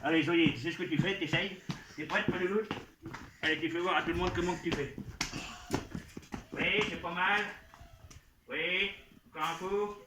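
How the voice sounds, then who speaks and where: A man's voice: high-pitched, fairly even intonation, normal speed, pauses often. A man performing a playful live comic show for children, coaxing and talking straight to the young audience. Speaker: children's entertainer playing a goblin expert. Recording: echoey live venue with background noise.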